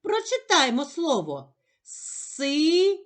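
Female teacher with a Ukrainian accent, slow and gentle. High, very lively pitch, careful enunciation. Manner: gentle, sing-song teacherly, over-enunciated. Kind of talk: slow, clear phonics lesson for young children.

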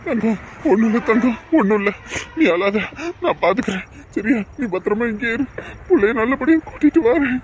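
A man's voice: very high-pitched, animated, fairly quick, lo-fi sound, slight background noise. An actor playing a stern village father who once drank and now orders his family about bluntly. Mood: firm. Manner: scolding, blunt and commanding. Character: stern reformed-drinker village father, bossy. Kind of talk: short-film drama acting.

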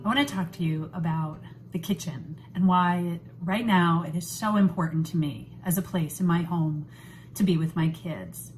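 A woman in her thirties hosting a home vlog, talking to camera in a relaxed, chatty way with lots of "you know" fillers, recorded in her kitchen on a phone or webcam at arm's length. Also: on the low side, normal speed, faint music behind, poor audio. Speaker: host. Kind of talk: casual talk to camera.

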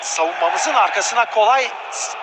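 A man's voice: high voice, lively intonation, moderate pace. A man giving live football match commentary. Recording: noisy broadcast with loud stadium crowd. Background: stadium crowd noise.

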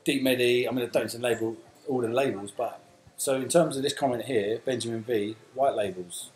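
A man's voice: mid-range voice, fairly even intonation, normal speed, roomy sound, slight background noise, poor audio. A man with a South London accent hosting a casual live Q&A, chatting and reading out viewer comments. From England. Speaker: host.

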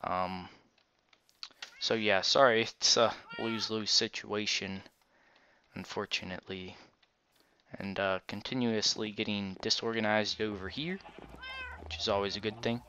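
A man with a low, clean voice gives casual Let's Play commentary with a retainer in his mouth. He rambles slowly and corrects himself as he goes. The recording is slightly dull and lo-fi. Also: fairly even intonation, sharp tone, slight background noise. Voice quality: slight retainer-affected speech. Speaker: gaming video host. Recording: dull, lo-fi microphone.

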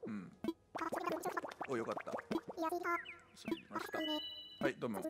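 A man chats his way through a relaxed live game stream, his voice rising and dipping a lot as he rambles to himself and his viewers. He laughs often along the way, and cheerful game music plays clearly behind him. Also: mid-range voice, moderate pace. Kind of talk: casual live-stream chat while playing. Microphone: desk microphone.

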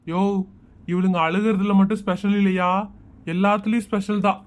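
A woman's voice: medium pitch, little pitch movement, darkish tone, lightly acted. Woman doing a slurring drunk village husband. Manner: slurred, slow, cocky drunk talk. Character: drunk boastful village husband, middle-aged man.

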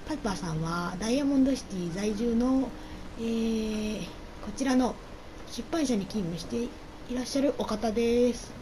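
Woman chatting solo over a game, polite muttery, bit high pitched, game noise behind her. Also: moderate pace. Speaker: gaming video host. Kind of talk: casual solo game commentary.

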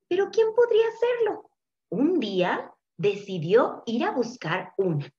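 A woman with a Mexican accent reading a children's story aloud, slowly and expressively, stopping to ask the children questions. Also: a little high, muffled recording.

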